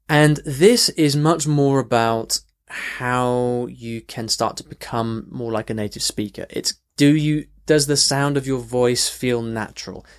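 A man hosting a podcast lesson, explaining things in a loose, conversational way with frequent restarts and "okay" check-ins. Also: mid-range voice. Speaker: language teacher, podcast host. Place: in London.

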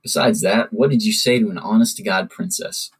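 A man, a podcast host, reading his own original fiction aloud in steady storytelling narration. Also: fairly low pitch, fairly quick, husky, low-quality recording.

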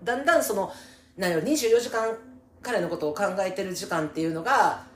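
A woman with a Kansai accent speaks at medium pitch and a slightly fast pace, co-hosting a casual chat where she gives advice. She's empathetic and emphatic, often chiming in to agree. The room is echoey, with faint background noise.

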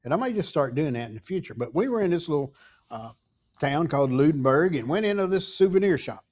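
An older Southern man from Tennessee with a thick local accent, his voice sitting a bit higher than most men's. He drifts through a casual story in a folksy way, stopping often for fillers and side remarks. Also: animated, darkish tone. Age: 60s or older. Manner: rambling, folksy, many pauses and asides. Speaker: podcast host.

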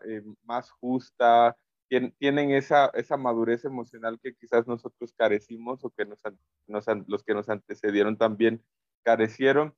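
A man co-hosting a casual faith podcast gives his thoughts in a measured, reflective way, pausing on hesitant fillers. His voice is of ordinary pitch. The sound is slightly dull and lo-fi, and very dry. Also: no room sound. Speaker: podcast co-host.

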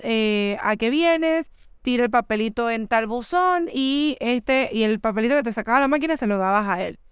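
A young woman, co-hosting a casual podcast and telling travel stories in a lively, animated way. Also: a little high, clean tone, no echo, clean studio sound. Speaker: podcast co-host. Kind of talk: casual chat.

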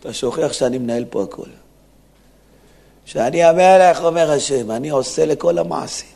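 A man's voice: on the high side, gravelly, dark tone. A man, a rabbi, giving an emphatic Torah sermon in a synagogue, acting out the quotes as he preaches. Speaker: rabbi giving a weekly lesson.

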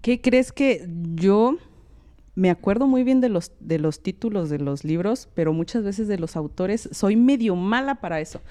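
Mexican woman telling stories, mellow tone. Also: mid-range voice, normal speed. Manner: lively storytelling, acts out quoted dialogue. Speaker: guest, former librarian. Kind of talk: casual chat.

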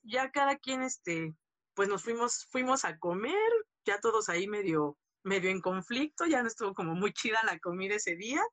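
A woman shares a personal story as an interview guest. Her voice is bright and clear, and the sound is close and dry. She talks candidly, tagging her sentences with little questions and fillers. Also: mid-range voice, animated, normal speed, dry recording.

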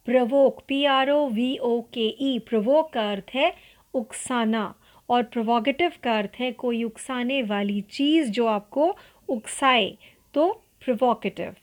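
A slow, careful Indian woman teaching English pronunciation. Her voice sits a little high, and she spells each word letter by letter before she repeats it. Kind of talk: pronunciation lesson, spelling words aloud.

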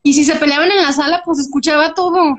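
A young Mexican woman co-hosting a podcast, telling a story in lively casual chat and acting out the voices of the people in it. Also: high voice, fast. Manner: animated, acts out quoted voices, laughs often. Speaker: podcast co-host.

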